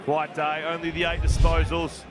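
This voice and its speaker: A man's voice: a little high, monotone, moderate pace, noisy background. An Australian man giving conversational, opinionated special comments during a live football broadcast. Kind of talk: live sports analysis. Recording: crowd behind live commentary. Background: crowd at outdoor ground.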